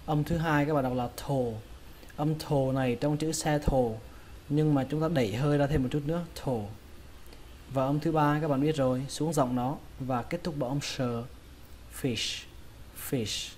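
A man teaching English pronunciation in a casual lesson, repeating each word slowly and carefully. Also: fairly high pitch, fairly even intonation, a little mellow, slight background noise. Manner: slow, drawn-out repetition of words.

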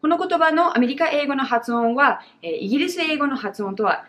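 A young woman with an American accent gives a bilingual pronunciation lesson, slowly and clearly modelling example words. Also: high voice, expressive, fairly bright tone. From United States. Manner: slow, exaggerated model pronunciations. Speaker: English pronunciation teacher.

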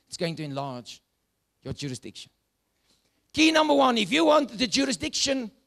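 High gravelly South African preacher. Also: male voice. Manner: preaching with sudden shouts and hushed asides. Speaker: pastor. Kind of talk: sermon.

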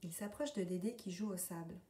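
Casting: woman storyteller reading a picture book aloud, calm and gentle, mellow voice, echoey room. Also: on the low side, fairly quick. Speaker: library storyteller. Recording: echoey room, distant mic.

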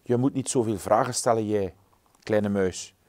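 A man's voice: fairly low pitch, normal speed, a little mellow, no echo, natural voice. A man doing a dismissive, breezy fox. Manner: brushing off, lecturing. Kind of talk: storybook reading.

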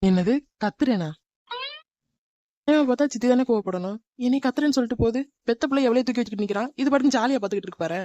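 A woman voicing a sharp-tongued, jealous young woman in a cartoon, scolding and sarcastic. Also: a little high, racing, no echo, dull audio, natural voice. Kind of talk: animated cartoon dub.

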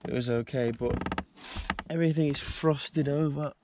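A man's voice: a little high, moderate pace, heavy background noise. A young man, chatting casually as he vlogs from his campervan and the lakeshore into an action camera. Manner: relaxed, chatty, thinking aloud. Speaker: travel vlogger. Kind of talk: casual vlog narration.

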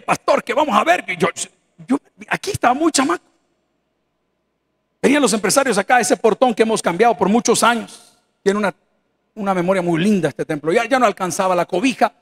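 A man with a Salvadoran accent preaching a sermon in a church, folksy and joking, acting out the voices of the people he quotes. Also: sits high. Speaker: pastor. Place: church sanctuary.

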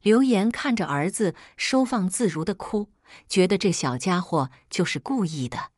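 A woman narrating a scripted story with a lively storytelling cadence. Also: lowish voice, normal speed, no room sound, clean studio sound.

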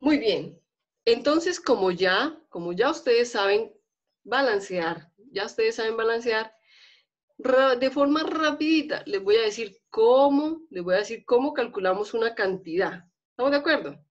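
A woman's voice: on the high side, expressive, a little slow, muffled recording. A woman teacher with a Colombian accent, lecturing a chemistry class and checking in often with questions to her students. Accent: Colombian Spanish.

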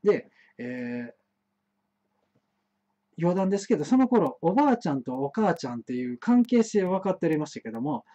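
Kansai man hosting a live stream; rambling storyteller, trips over his words, swooping pitch. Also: big pitch swings, moderate pace, dark tone. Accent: Kansai Japanese. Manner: chatty, frequent stammered restarts and fillers. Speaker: host of an internet talk show. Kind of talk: rambling solo monologue, storytelling. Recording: muffled live-stream audio.

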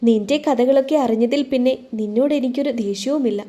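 A woman narrator lends her voice to a young man in a spoken story who starts off curt and turns tender and teasing. The voice sits fairly high and has a soft, mellow color. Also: a little fast, close to an everyday voice. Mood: gentle.

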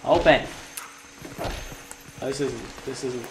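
A man's voice: mid-range voice, slow pace, background noise. A young man giving casual, rambling gameplay commentary as a let's play host. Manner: chatty, rambling, easily amused. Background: game music.

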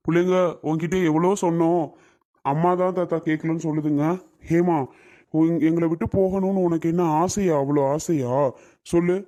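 A man's voice: on the high side, dark tone, close to an everyday voice. Man playing a hurt, reproachful old grandfather. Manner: reproachful, pleading, emotional. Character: hurt elderly grandfather and father-in-law, reproachful.

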